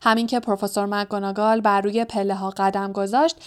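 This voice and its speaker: A woman narrating a children's fantasy novel in a steady, even storytelling voice. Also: mid-range voice, clear, resonant tone. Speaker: audiobook narrator.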